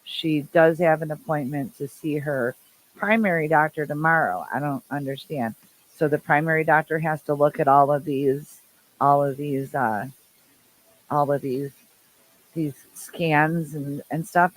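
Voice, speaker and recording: A woman's voice: low-pitched, fairly even intonation, a little slow, low-quality recording. A woman chatting casually in an online recovery meeting, playful and jokey, breaking into accents for fun. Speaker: meeting participant. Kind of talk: casual group chat on a video call.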